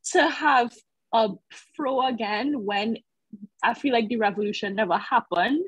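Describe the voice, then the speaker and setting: A woman's voice: a little high, unhurried, slightly rough, no echo, dull audio. A woman from Trinidad, telling a personal story on a video call in a hesitant, reflective way. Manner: hesitant, reflective, many fillers. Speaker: call participant.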